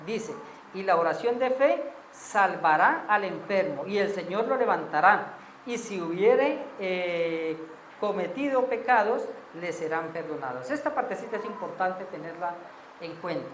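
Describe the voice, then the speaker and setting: A woman's voice: fairly low pitch, animated, unhurried. Woman, church Bible study, conversational, checks in with listeners, echoey room, faint background noise. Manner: conversational, asks the group "¿cierto?" often.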